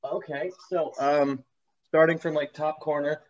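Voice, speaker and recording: Speaking at a measured pace with a fairly high pitch and level tone, this man shares loose, meandering stories that poke fun at himself. He's a guest on a video call, a car enthusiast and YouTuber, and the audio sounds slightly dull.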